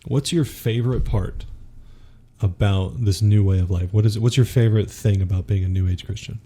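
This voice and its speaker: Male podcast guest, lowish warm voice, earnest preacher-like delivery in conversation. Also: normal speed. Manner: earnest, preacher-like, quotes scripture. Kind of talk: spiritual teaching in conversation.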